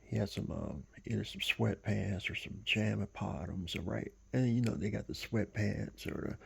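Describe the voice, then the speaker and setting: A man telling a dream story in a casual, rambling way, halting and correcting himself as he goes. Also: lowish voice, creaky, husky. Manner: rambling, halting, full of fillers and self-corrections. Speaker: vlogger recounting a dream.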